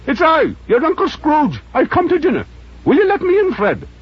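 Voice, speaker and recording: A man voicing Scrooge, an elderly reformed miser, giddy and overjoyed, in a high, cracking excited falsetto. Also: moderate pace, heavily acted. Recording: dull lo-fi audio with faint music.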